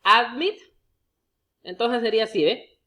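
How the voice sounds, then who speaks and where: A patient teacher works through spelling rules one by one, saying each example word twice and pausing with small hesitations. The tone is explanatory and unhurried, with frequent direct asides to the viewer. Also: mid-range voice, bright, forceful tone. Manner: addresses the viewer directly, often with a coaxing "look". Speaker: English teacher. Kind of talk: explaining grammar rules to students.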